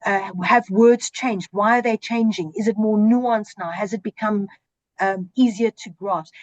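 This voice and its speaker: Speaking unhurriedly in a mid-range voice with fairly even intonation, a senior broadcast journalist joins a panel discussion over a video call. She comes across as earnest and emphatic, listing and repeating things for stress. The audio has no echo and sounds dull.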